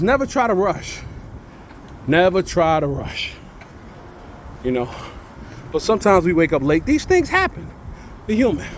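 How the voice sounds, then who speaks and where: A man talking casually on a walking vlog at a train station, preachy and encouraging, a little out of breath, into a phone he holds. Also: sits high. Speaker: vlogger.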